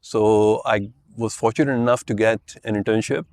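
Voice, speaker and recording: There's slight background noise as a man in his fifties from Pakistan, his voice low, a little mellow and fairly even, answers podcast questions at a moderate pace. Telling his life story in a relaxed, rambling way, he keeps dropping in "you know" and "I mean."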